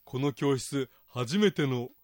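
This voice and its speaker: A man hosting a radio dialect lesson, with a Niigata accent and a chatty manner full of small halting restarts. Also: medium pitch, lively intonation, a little mellow, no room sound, studio quality. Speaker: host.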